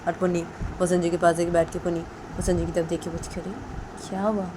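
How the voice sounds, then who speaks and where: A woman telling a love story in a plain, repetitive narration with a somewhat low voice. Steady background noise and passing vehicles run behind her. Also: fast.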